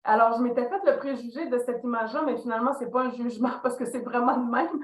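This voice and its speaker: Talking fast in a voice on the high side, a middle-aged woman with a Québécois French accent tells career stories as a podcast guest. She is a leadership consultant, and her reflective, animated storytelling includes acted-out quoted dialogue. There is echo in the room.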